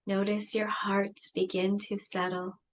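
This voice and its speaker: A woman leading a guided meditation, speaking softly and soothingly with long pauses. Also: mid-range voice, flat delivery.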